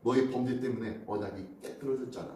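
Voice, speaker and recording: Emphatic pastor in echoey hall. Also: male voice, mid-range voice, quick pace, far from the mic. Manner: emphatic, with sudden loud bursts. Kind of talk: early-morning sermon. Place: church sanctuary. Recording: echoey hall, mic from afar.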